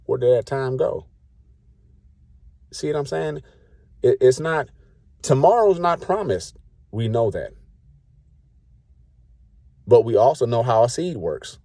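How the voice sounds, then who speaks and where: A man's voice: medium pitch, expressive, slow, creaky, long pauses, mellow, dry recording, studio quality. A man in his late thirties giving a blunt, colloquial, preachy rant to the camera. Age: 30s. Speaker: vlogger.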